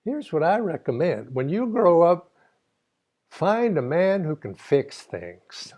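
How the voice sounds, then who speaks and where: A no-nonsense Texas mother, high and sweet-sounding, drawls her advice slowly and plainly, as a man puts her on. Her tone is motherly and matter-of-fact, with a Texas accent. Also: sing-song, a little mellow, dull audio, full character voice. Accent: put-on Texas. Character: practical Texan mother advising her teenage daughter.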